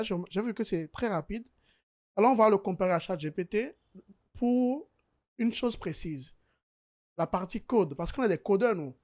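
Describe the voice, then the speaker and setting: Man demoing software, thinking aloud. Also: high voice, dry recording, clean studio sound. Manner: casual, thinking aloud, many fillers. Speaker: tech YouTuber demoing software. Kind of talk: screen-recorded software walkthrough.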